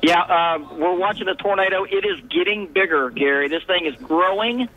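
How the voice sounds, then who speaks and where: A man giving a live field report as a storm tracker over a phone or radio link, halting and restating phrases. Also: sits high, narrow, tinny audio.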